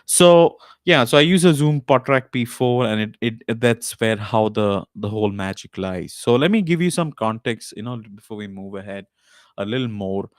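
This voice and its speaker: A podcast host with an animated, medium-pitched voice speaks at a moderate pace on a live stream, loose and casual, with frequent fillers and restarts. He uses a desk mic at his home setup, and the dry recording has studio quality.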